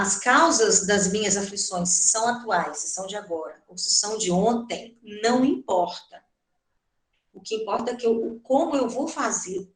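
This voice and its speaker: A middle-aged woman with a Brazilian Portuguese accent gives a doctrinal lecture at a spiritist center. She talks in a conversational way and keeps asking her listeners rhetorical questions. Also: medium pitch. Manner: conversational, asks the audience many rhetorical questions. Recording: roomy hall echo.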